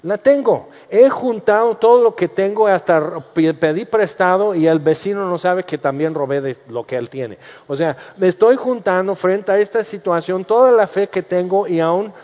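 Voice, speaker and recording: Male preacher, lively, acts out voices; slightly high voice, dull sound with long hall echo. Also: normal speed, few pauses. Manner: animated, acts out quoted voices, jokes mixed with scripture. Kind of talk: sermon.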